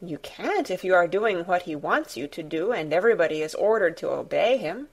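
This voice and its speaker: A woman's voice: on the low side, lively intonation, fairly quick, vocal fry. A woman voicing a determined, curious young girl in a storybook, speaking with firm, childlike directness.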